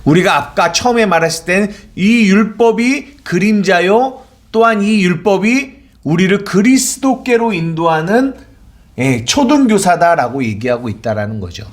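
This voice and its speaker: A man's voice: high-pitched, animated, moderate pace. A man preaching a sermon in a church, asking the congregation questions and answering them himself. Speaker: pastor.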